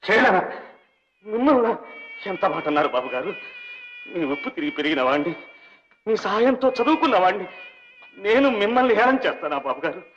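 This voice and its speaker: A man's voice: high voice, very animated, a little fast, pauses often, a bit bright, slight background noise. An actor playing an earnest, respectful young doctor devoted to his old benefactor, speaking in a deferential, emotional way in an old film scene. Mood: anguished. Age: young adult. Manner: earnest, deferential, cries out in anguish. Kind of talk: 1950s Telugu film acting. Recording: dull old film soundtrack with reverb and music.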